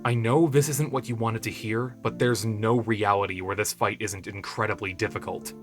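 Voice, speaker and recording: A man voicing a serious young male drake hunter in an audiobook, terse, low and guarded. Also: steady tone, moderate pace, music in the background, close to an everyday voice. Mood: grim. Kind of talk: audiobook character voice.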